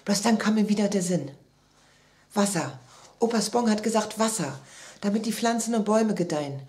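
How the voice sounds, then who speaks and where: A woman reading aloud her own children's story in a lively, expressive way. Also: medium pitch, moderate pace.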